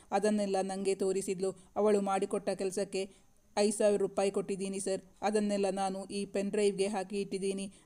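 Deferential young helper, flat and even delivery, mellow smooth voice, audiobook novel, read by the narrator. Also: medium pitch, lightly acted. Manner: deferential, calls the listener sir. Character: young man, loyal helper to his boss.

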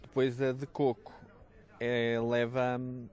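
A man's voice: medium pitch, monotone, takes it slowly, a little mellow. Level-toned Portuguese pastry seller, man. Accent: European Portuguese. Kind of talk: casual interview.

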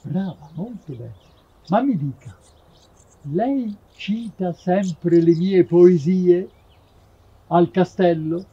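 An actor playing an old nineteenth-century poet who declaims verse and asks courtly questions. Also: male voice, high voice, slow pace, pauses often, slightly rough, dry recording, lo-fi sound, full character voice. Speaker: actor in a short film. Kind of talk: amateur theatre acting.

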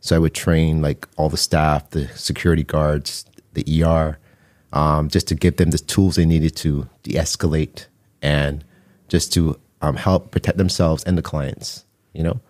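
This bass-voiced Barbadian guest, a middle-aged mental health counselor and artist, speaks unhurriedly and a little mellowly, with little pitch movement. He recounts his story in a conversational way, close to a studio mic on a boom arm in a small indoor podcast studio, with no room sound.

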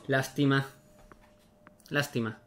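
A man giving excitable, casual commentary on his own gameplay, talking to himself as he plays. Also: mid-range voice, slow, a little hiss or hum. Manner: excitable, talks to himself while playing. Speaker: gaming YouTuber.

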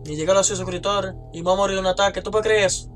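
A man's voice: high voice, steady tone, rapid-fire, soft background music. A young man with a Caribbean Spanish accent commentating on a horror game as a panicking, jumpy gamer who swears a lot. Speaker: gamer recording gameplay with commentary. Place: small room at home, indoors.

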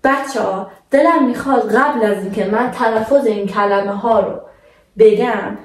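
A woman's voice: on the high side, recorded from a distance. Patient young woman teaching, echoey room. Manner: patient, addresses viewers as kids, slows down to model words. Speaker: German language teacher. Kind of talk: casual explanatory lesson.

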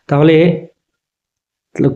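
A man teaching a spoken lesson to students, spelling letters out slowly and often checking that they understood. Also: fairly high pitch, highs cut off. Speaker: online teacher.

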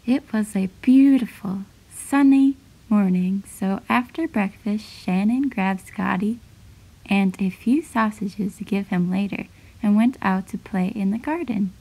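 A woman narrating a children's bedtime storybook at a medium pitch. Her reading is gentle, clear and steady. It sounds like a read-aloud. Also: unhurried, low-quality recording.

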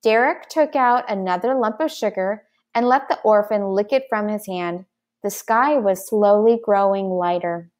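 A woman reading a children's book aloud in slow, careful storytelling. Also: mid-range voice, a little mellow. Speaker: narrator.

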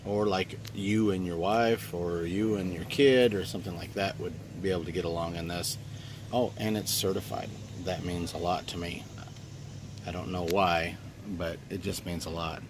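Holding a handheld camera himself, a man gives a casual, hands-on product review outdoors on the sandy ground of a campsite, talking informally and thinking aloud. His voice sits low and steady at normal speed, with noise in the background.

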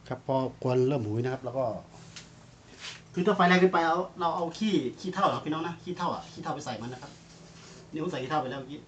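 A man's voice: a little high, quick pace, fairly bright tone, a little hiss or hum. Chatty Isan Thai man grilling outdoors. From Northeast Thailand. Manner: chatty, addresses viewers as brothers and sisters. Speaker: cooking vlogger. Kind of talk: casual cooking vlog talk.

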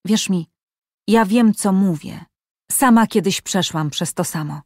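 A woman voicing a calm, wise older woman who speaks soothingly in an audiobook. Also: medium pitch, unhurried, no room sound, clean studio sound, lightly acted.

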